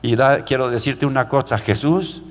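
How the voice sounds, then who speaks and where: Middle-aged pastor guy preaching hard, voice jumps up on the shouted bits, big echoey church sound. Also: moderate pace. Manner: impassioned preaching, pitch rising into shouted quotes; addresses congregation as brothers. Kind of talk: sermon. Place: church sanctuary. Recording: long church-hall reverb.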